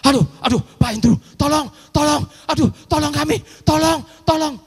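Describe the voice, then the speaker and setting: A preacher acting out a frantic shouting pastor. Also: male voice, very high-pitched, moderate pace, voice pushed up. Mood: panicked. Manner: shouting, breathless pleading. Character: frantic then jubilant middle-aged male pastor. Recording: echoey old church hall recording.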